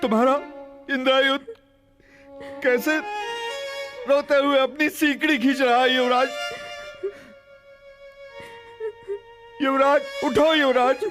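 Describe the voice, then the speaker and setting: A woman's voice: high voice, flat delivery, measured pace, pauses often, pitched below the performer's own voice. A woman voicing a grieving young princess in a radio drama, speaking in a solemn, declamatory way. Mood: pleading. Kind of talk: Hindi radio-drama acting. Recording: music playing behind.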